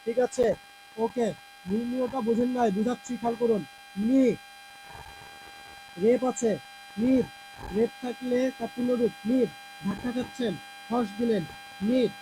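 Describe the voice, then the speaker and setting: A man's voice: very high voice, steady tone, measured pace, long pauses, warm tone, slight background noise. A man who is unwell teaches Bengali spelling and pronunciation in a live online class, reading out viewer comments and patiently repeating words to drill them.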